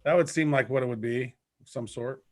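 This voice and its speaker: A man's voice: mid-range voice, moderate pace, darkish tone. A man co-hosting a casual live show, talking in an enthusiastic, slangy, informal way. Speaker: co-host of a shopping-style show.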